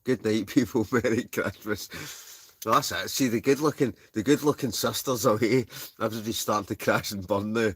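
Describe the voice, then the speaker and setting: A man's voice: lowish voice, normal speed, a bit bright, breathy edge, no room sound, clean studio sound. A Scottish man chatting casually to livestream viewers in a rambling, chuckling, easily sidetracked way. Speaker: livestream host. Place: inside a tent.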